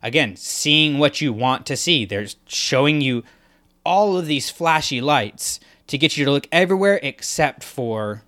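On a podcast he co-hosts, this man breaks down a fan analysis with emphasis and performs imagined reactions along the way. He speaks at a measured pace in a somewhat high voice, with lively intonation and a bit of brightness.

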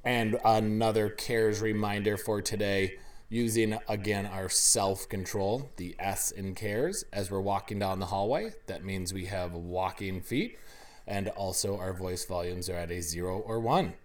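A man teaching young children, giving morning announcements over a school intercom in a calm, instructive way. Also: lowish voice, unhurried, recorded from a distance. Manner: calm, instructive, praising the class.

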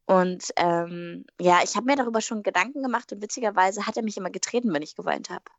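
A woman actress chatting in an interview, telling animated anecdotes and acting out her own quotes, with frequent tag questions. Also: mid-range voice, fast, no echo, lo-fi sound. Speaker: actress on a TV series. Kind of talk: casual interview chat.

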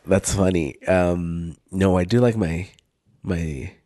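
A man's voice: sits low, slow, dark tone, no echo, clean studio sound. A man co-hosting a podcast in casual chat, his voice nasal from being sick, easygoing with short replies. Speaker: podcast co-host.

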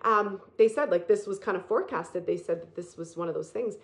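Woman, spiritual speaker, earnest and emphatic, repetitive motivational delivery. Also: medium pitch. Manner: earnest, repetitive, emphatic and slow on key phrases.

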